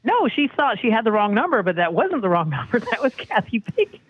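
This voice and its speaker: A caller who talks in a teasing, animated way. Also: mid-range voice, a little fast, no room sound. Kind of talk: casual phone chat. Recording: dry, husky phone line.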